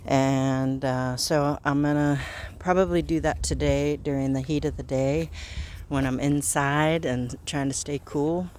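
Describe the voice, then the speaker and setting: A man narrating a casual vlog outdoors in a garden, thinking aloud in a halting way. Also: fairly high pitch, fairly even intonation, darkish tone. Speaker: gardening vlogger. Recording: outdoor ambient noise.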